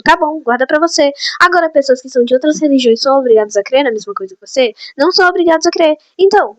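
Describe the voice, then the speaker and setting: Teen girl, high voice, gossipy storytime, dry close sound. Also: no echo, highs cut off. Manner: chatty, gossipy, animated. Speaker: vlogger. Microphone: phone or headset mic.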